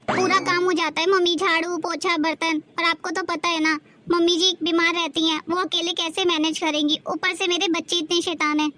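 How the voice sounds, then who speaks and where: A woman's voice: very high voice, background noise. A young woman playing a married daughter who chatters about her household burdens in a family drama skit. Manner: complaining, talkative.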